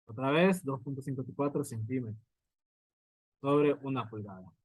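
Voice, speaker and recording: A medium-pitched, slightly rough male voice delivers a physics lesson at a writing board at a moderate pace. The recording is low quality with no room sound, and he goes step by step, often checking on his students.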